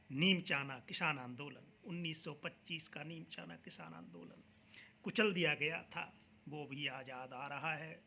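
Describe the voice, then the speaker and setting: A man's voice: fairly high pitch, bright, forceful tone, a little hiss or hum. A man delivering an impassioned political speech, declaiming with rhetorical questions and slogans. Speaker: political speaker.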